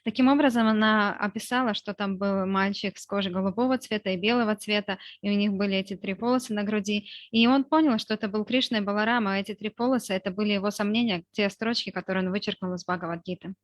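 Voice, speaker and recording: A woman giving a live spoken translation, interpreting a talk phrase by phrase over a video call, in measured short chunks with hesitation fillers. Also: medium pitch, steady tone, dry recording. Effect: live spoken translation, voiced over the speaker's talk. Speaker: consecutive interpreter into Russian. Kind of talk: consecutive interpretation.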